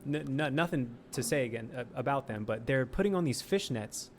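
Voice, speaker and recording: A man in his late twenties, a sketch comedian talking casually as a podcast guest, animated and swearing freely. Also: medium pitch, fairly quick, a little hiss or hum. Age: late 20s. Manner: animated, swearing, laughing often.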